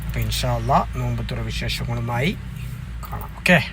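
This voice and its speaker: A man's voice: mid-range voice, moderate pace, over music. A man with a Palakkad Kerala accent narrating a casual vlog in Malayalam mixed with English words. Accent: Kerala Malayalam, Palakkad area. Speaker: vlogger.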